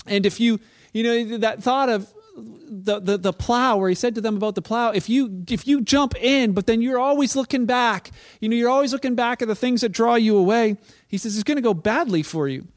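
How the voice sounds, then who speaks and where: A man's voice: very high voice, normal speed. A middle-aged man giving a sermon as pastor, conversational and storytelling, with frequent restarts.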